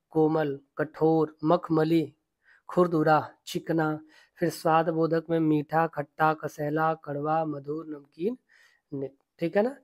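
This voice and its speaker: A man's voice: a little high, a little mellow. Man teaching a grammar lesson. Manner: lists examples one by one, checking in with "ठीक है"; patient, repetitive explaining tone. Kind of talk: classroom grammar lecture.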